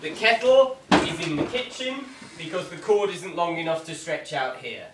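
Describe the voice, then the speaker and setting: A man's voice: fairly high pitch, big pitch swings, normal speed. A man giving an informal briefing to a group as a tour guide, with a wry, dryly humorous and slightly mock-formal manner. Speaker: ghost tour guide leading a vigil. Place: indoors in an echoey room. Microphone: camera mic at a distance. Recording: echoey room, distant mic, faint noise.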